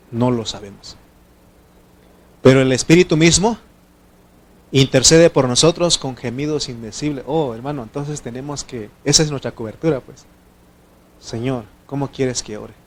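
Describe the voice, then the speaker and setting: Addressing his congregation with energy, a Mexican preacher who isn't a native Spanish speaker shifts from raised, pressing exhortations to quiet, low asides. His pitch is a typical middle range for a man, and his delivery stays animated throughout.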